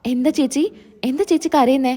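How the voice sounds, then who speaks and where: A gentle, coaxing sister-in-law, read by a woman, high and mellow-toned. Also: fairly even intonation, brisk, close to an everyday voice. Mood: soothing. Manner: soothing, coaxing. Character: caring younger sister-in-law, soothing.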